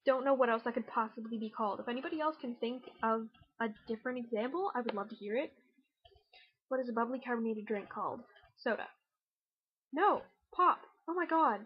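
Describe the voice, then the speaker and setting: A young Canadian woman with a slightly high, husky voice chats through an accent challenge in a quick, self-mocking way. Her Canadian accent comes through on a muffled, lo-fi webcam recording. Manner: chatty, rushed and self-mocking. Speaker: vlogger. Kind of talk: casual accent challenge video.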